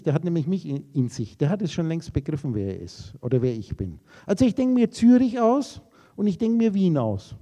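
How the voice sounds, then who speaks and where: A man's high-pitched yet dark, mellow voice fills a lecture room as he lectures a live audience. He talks to them casually and directly, drifting through associative wordplay.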